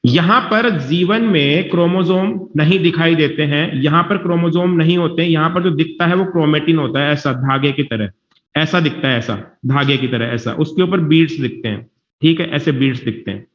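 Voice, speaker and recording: Teacher guy, highish voice, keeps checking if the class gets it, roomy muffled recording. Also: moderate pace. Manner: reassuring, repeats himself, checks whether students follow. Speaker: biology teacher. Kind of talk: classroom lecture. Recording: dull, echoey classroom recording.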